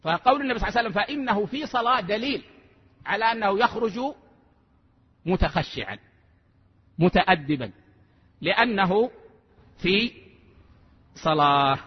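A man teaching a religious lesson as a sheikh, measured and repeating key phrases for emphasis, with a husky voice. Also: sits high, lively intonation. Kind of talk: religious lesson explaining a text. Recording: echoey hall, dull lo-fi sound.

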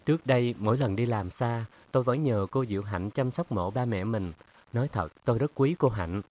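A man's voice: mid-range voice, fairly quick, mellow, natural voice. A man voicing a stubborn, weary young woman in an audiobook, with firm, defensive retorts. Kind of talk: audiobook character reading.

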